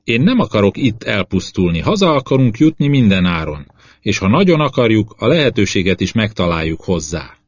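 A man's voice: on the low side, big pitch swings, dry recording. Man reading as a stubborn ship doctor. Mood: determined. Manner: stubborn, insistent. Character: determined male ship doctor. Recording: slightly dull lo-fi audio.

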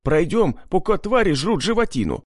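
A man's voice: high voice, very animated, normal speed, no room sound, studio quality, voice pushed up. A man voicing a bearded old Old Believer guide who gives urgent commands, in an audiobook.

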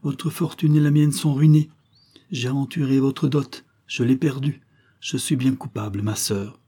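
A man's voice: mid-range voice, steady tone, a little slow, warm tone, breathy edge, voice pushed up. A man voicing an emphatic grown brother. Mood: remorseful. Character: grown brother, remorseful then scornful. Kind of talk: audiobook character reading.

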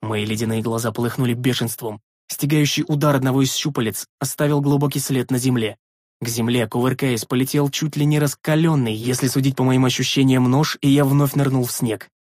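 A man narrating a fantasy audiobook in the first person, in a steady, measured reading. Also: medium pitch, no echo, studio quality.

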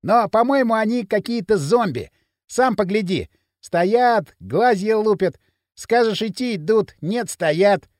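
A man's voice: high-pitched, expressive, measured pace, a little mellow, dry recording, clean studio sound, voice pushed up. A man voicing a brash, cocky young man who jeers and bosses his friend in loose street talk. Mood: swaggering.

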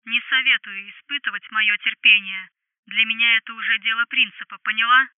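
A woman's voice: a little high, steady tone, fairly quick, clean tone, dry recording. A woman voicing a menacing male debt collector over a tinny phone line, coaxing and cold. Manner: coaxing, then cold and threatening. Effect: phone filter.

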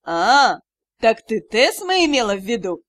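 Audiobook: woman doing a sarcastic teasing noble mage guy, lowered voice, dry close sound. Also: very animated, measured pace, a bit bright, no room sound. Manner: sarcastic, drawling. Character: mocking aristocratic male mage, sarcastic, teasing.

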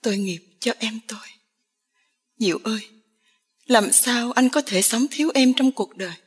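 A woman voicing a poor young village man, agitated and despairing, in a breathy voice. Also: fairly high pitch, normal speed. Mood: anguished.

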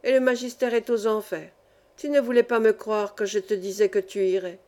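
A woman voicing a superstitious male miner in a storybook reading, slow and heavy. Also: medium pitch, steady tone, darkish tone, lightly acted. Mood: grim.

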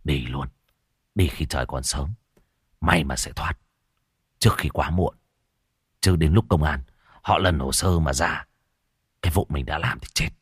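A man doing a gruff, curt gang boss. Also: a bass voice, measured pace, pauses often, no room sound, studio quality, pitched below the performer's own voice, heavily acted. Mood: gruff, commanding. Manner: curt, harsh orders. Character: gruff hard young man, gang leader brother.

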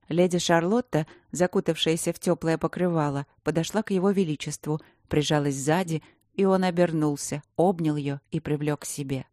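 Female narrator, very low voice, dry close recording, measured audiobook read. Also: mellow, no room sound. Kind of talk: scripted narration.

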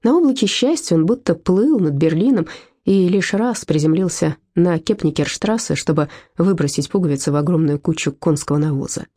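A woman narrating a novel with a low, mellow voice and a husky grain. She reads in an even storytelling manner, and the recording is dry and close. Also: a little fast. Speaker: audiobook narrator. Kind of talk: scripted narration.

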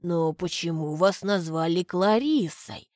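Woman playing a measured, courteous butler, slow and polite, a dry close read. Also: on the low side, darkish tone, no room sound, close to an everyday voice. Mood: puzzled, polite. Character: courteous, shrewd male butler, middle-aged.

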